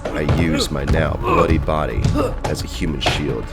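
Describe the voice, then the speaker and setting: Male narrator for scripted horror: bottomless bass register, dramatic first-person storytelling over a prominent music bed. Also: moderate pace, creaky. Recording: loud music bed behind voice.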